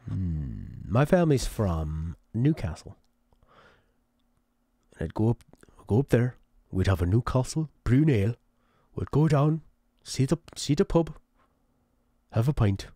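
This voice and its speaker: A man's voice: low voice, warm tone, no echo. A man chatting casually while streaming a game, rambling and joking between plays. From outside the UK. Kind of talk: casual gameplay commentary.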